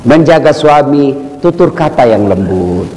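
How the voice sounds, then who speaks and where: A middle-aged man preaching to a live audience, telling animated jokes and jumping to a high pitch for punchlines. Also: unhurried. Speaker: Islamic preacher. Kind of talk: humorous sermon to an audience. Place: large hall with live audience. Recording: echoey hall with faint ambience.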